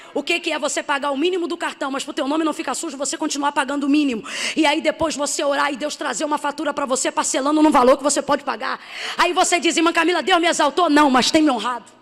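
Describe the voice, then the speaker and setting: A woman missionary preaching a sermon with emphasis, building to shouts. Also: sits high. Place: church hall. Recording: hall reverb.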